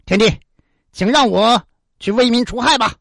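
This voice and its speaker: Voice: medium pitch, normal speed, vocal fry, dry recording, clean studio sound, voice pushed up. A storyteller voicing the divine archer Hou Yi, issuing stern warnings.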